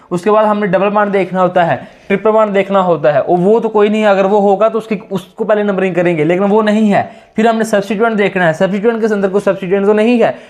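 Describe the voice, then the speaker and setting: High-voiced male teacher with a sore throat. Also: darkish tone. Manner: asks students questions and answers them himself, repeating. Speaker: chemistry teacher. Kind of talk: classroom lecture.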